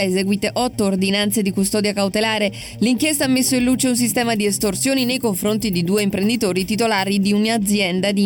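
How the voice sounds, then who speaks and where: A woman reading a scripted radio news bulletin as the newsreader. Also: medium pitch.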